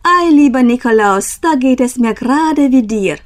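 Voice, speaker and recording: A woman voicing a kindly but commanding female winter spirit in a storybook reading, friendly and insistent, pitched well above her narrating voice. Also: expressive, moderate pace. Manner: friendly, persistent, high and bright.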